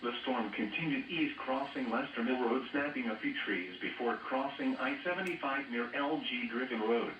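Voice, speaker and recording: Picked up from a weather radio speaker across an echoing room, this muffled, noisy broadcast features a computerized American man's voice at mid pitch. He reads codes and numbers from a scripted bulletin in a flat, robotic announcer style, at normal speed with hardly any pauses.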